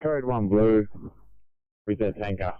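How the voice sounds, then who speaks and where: An Australian fire crew member calling in over a two-way radio with static bursts, terse and clipped in radio call procedure. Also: male voice, lowish voice, unhurried, clear, resonant tone, no room sound. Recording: narrow tinny radio transmission.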